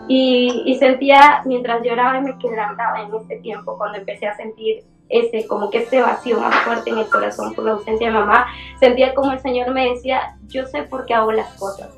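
A woman in her twenties, a young church leader, giving an emotional personal testimony in a halting way, with many fillers and restarts. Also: a little high, little pitch movement, vocal fry, soft background music, poor audio. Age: 20s.

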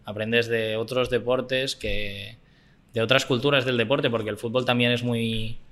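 A man in his twenties from Barcelona with a Spanish accent, talking about football coaching as a podcast guest in a relaxed, thoughtful way. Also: medium pitch, measured pace. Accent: Spanish from Spain. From Barcelona, Spain. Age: 20s. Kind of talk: casual interview chat.

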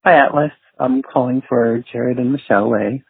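A man's voice: mid-range voice, moderate pace, vocal fry, breathy edge. A man leaving a friendly voicemail message, heard over a landline phone. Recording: tinny phone line.

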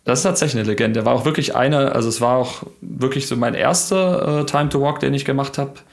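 A man's voice: medium pitch, a little fast, vocal fry. A man co-hosting a casual tech podcast, explaining with enthusiasm. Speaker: podcast co-host.

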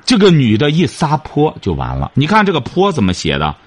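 A man's voice: a little high, wildly swooping pitch, a little fast. A man hosting a radio advice show, lecturing a caller in an emphatic, repetitive way.

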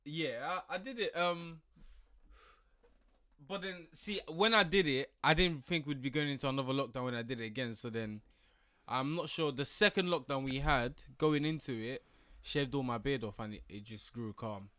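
A man's voice: mid-range voice, normal speed, pushed and bright, dry recording. A young man with a London roadman accent, chatting casually in slangy, informal speech with some swearing. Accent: London, urban roadman slang. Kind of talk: casual chat.

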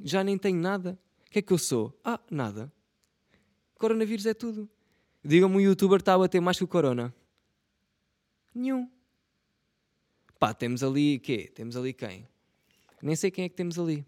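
A young man with a European Portuguese accent and a slightly high, darkish voice is recorded in clean studio sound with no echo. Hosting a casual solo podcast, he rambles along in a self-mocking, slangy, and profane way.

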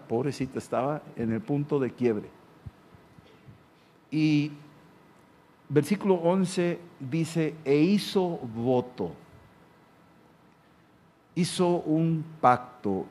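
A man's voice: mid-range voice, darkish tone. A middle-aged man with a Mexican accent preaching a conversational sermon as a pastor, folksy and repeating phrases for emphasis.

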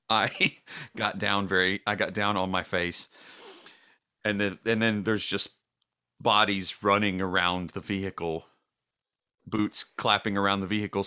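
A low, bright-toned man telling a story. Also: clean tone. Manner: dry, self-deprecating storyteller, measured. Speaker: podcast co-host. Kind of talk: casual storytelling chat.

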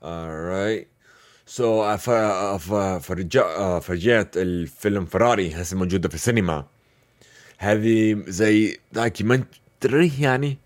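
Man, fairly low voice, unhurried, hesitant with lots of fillers, casual podcast host. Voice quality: hesitant, filler-heavy, mixes English and Arabic. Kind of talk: casual solo review podcast.

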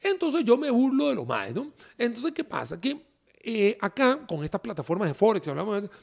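A man's voice: high-pitched, moderate pace, vocal fry. A man, chatting casually as a guest, joking and laughing as he talks. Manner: animated, joking, laughs while talking. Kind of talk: casual chat.

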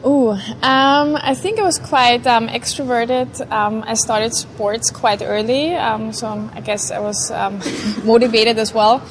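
A woman, a neuroscientist answering interview questions in a hesitant, thoughtful way with many pauses. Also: a little high, fairly even intonation, noisy background. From Vienna, Austria. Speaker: guest, neuroscientist. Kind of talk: casual interview chat.

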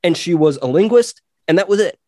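A man co-hosting a podcast in casual chat, animated and acting out quotes in a raised voice. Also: sits high, fairly quick, no room sound, clean studio sound. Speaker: podcast co-host.

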